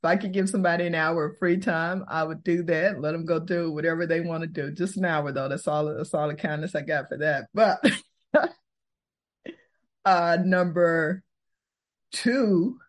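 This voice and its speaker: A woman, answering interview questions in a thoughtful, unhurried way and laughing easily. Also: deep voice. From Texas, US. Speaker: podcast host, guest.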